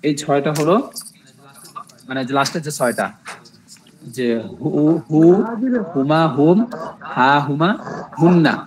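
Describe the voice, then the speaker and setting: A man's voice: fairly high pitch, low-quality recording. A man teaching Arabic grammar in an online class, repeating terms for drills and often checking with "ঠিক আছে?".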